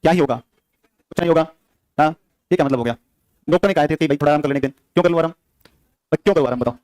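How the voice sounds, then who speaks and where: Rapid-fire male teacher drilling students. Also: fairly high pitch, darkish tone, no echo, studio quality. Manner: rapid, repetitive drilling with quiz questions to students. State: sore throat. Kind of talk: exam-prep classroom lecture.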